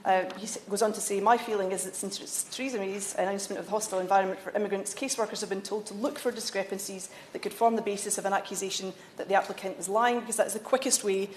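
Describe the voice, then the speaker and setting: Fast-talking woman making an earnest parliamentary speech. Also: mid-range voice, steady tone, roomy sound, slight background noise. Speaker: member of parliament leading a debate. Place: debating chamber.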